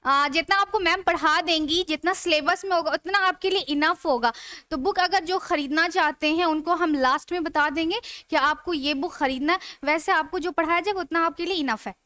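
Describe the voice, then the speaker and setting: A woman's voice: extremely high pitch, normal speed, bright, forceful tone, no room sound. A young woman teaching an online grammar class, chatty and asking her students rhetorical questions as she goes. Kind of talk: live online class lecture.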